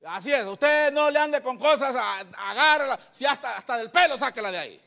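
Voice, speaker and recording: A man preaching a sermon as pastor, telling lively stories with acted voices and sound effects, calling listeners "brother". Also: very high-pitched, brisk, creaky, big-room sound. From Honduras. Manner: folksy, addresses listeners as brother.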